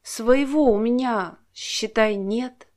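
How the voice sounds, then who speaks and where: Weary young man, read by a woman, soft, slow, apologetic, audiobook. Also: fairly high pitch. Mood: soothing apologetic.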